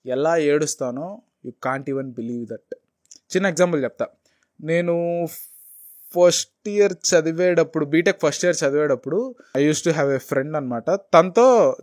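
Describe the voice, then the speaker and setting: A young man in his twenties with a Telugu accent, telling a candid personal story as a vlogger and slipping English phrases into his talk. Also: on the high side. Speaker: motivational vlogger.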